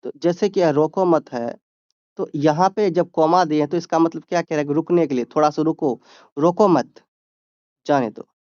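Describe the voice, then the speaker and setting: A man's voice: fairly high pitch, steady tone, a little fast, darkish tone, no room sound, muffled recording. A man tutoring students for an exam, explaining grammar step by step and answering his own questions. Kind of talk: exam-prep grammar lesson.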